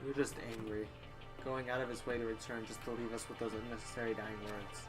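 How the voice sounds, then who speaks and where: A man co-hosts a let's play, reading game dialogue aloud and commenting casually. His pitch is middling, with music clearly audible behind him. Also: level tone, quick pace.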